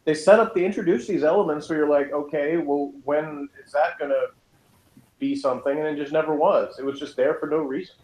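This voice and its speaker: A podcast review host with a slightly high, darkish voice talks fairly quickly in a roomy, echoing recording. His casual conversational review is opinionated and sarcastic, and he tends to slip into rants.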